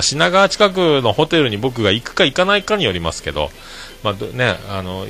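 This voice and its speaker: A man with a hoarse voice, hosting his own show and chatting casually to listeners with many fillers and chuckles. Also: low voice, bright, forceful tone. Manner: rambling, many fillers, laughs at own jokes. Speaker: podcast host. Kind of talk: casual solo chat to listeners.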